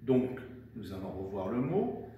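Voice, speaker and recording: A man teaching young children a dictation lesson with an animated storytelling tone, spelling words out slowly syllable by syllable. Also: on the low side, recorded from a distance, phone-quality sound. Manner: animated storytelling tone, personifying letters; slow, syllable by syllable. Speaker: primary school teacher. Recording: echoey room, voice from afar, faint noise.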